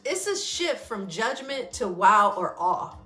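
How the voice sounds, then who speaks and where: A woman hosting a morning wellness talk, chatty and expressive, calling her listeners y'all and leading a guided breathing exercise. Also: medium pitch, slow, echoey room, faint music behind. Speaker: host of a morning wellness show.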